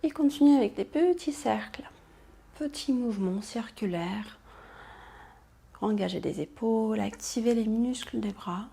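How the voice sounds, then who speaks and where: A woman instructor calmly guiding a pilates class, cueing movements and counting, with soft whispered asides. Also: a little high, a little slow, vocal fry, slightly rough. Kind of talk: guided exercise class instruction.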